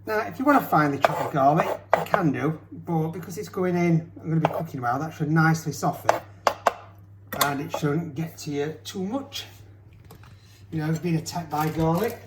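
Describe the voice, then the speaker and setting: A man's voice: on the high side, fairly quick. A man co-hosting a cooking demonstration at home, chatting and teasing while he chops. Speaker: cooking show co-host. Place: home kitchen. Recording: echoey kitchen with background noise. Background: chopping sounds.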